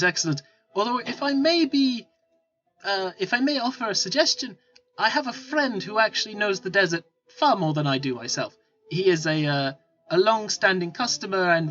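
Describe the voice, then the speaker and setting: A haggling desert merchant, put on by a game master stutters and flatters his way around every question, dodging straight answers. The sound is dull and lo-fi. Soft music plays underneath. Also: medium pitch, normal speed, lightly acted. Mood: fawning. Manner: stammering, fawning salesman patter. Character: shifty, haggling male desert trinket merchant. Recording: lo-fi with faint music.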